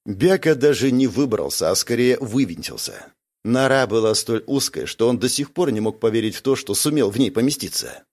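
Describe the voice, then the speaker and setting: A man narrating an audiobook in an expressive storytelling manner. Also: medium pitch, normal speed. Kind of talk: scripted narration.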